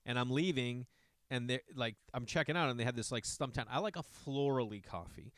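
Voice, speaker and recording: A man's voice: mid-range voice, fairly quick, fairly bright tone, no room sound, clean studio sound. A middle-aged man from Massachusetts hosting a podcast, rambling casually with profane asides to his listeners. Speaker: podcast host. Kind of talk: casual monologue.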